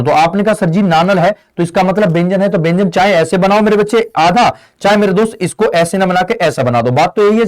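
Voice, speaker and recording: A man's voice: high voice, darkish tone. A man teaching a Hindi grammar lesson for exam preparation, asking the students questions and answering them in their voice, and calling his listeners friend and brother. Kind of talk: online exam-prep lesson.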